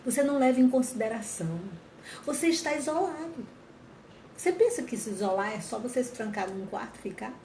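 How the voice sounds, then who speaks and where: A woman's voice: fairly high pitch, expressive, brisk, a little mellow. Earnest woman talking in an echoey room. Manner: earnest, repeats and rephrases, many restarts. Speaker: speaker on mental health. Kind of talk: reflective talk to viewers. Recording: echoey room, faint ambient noise.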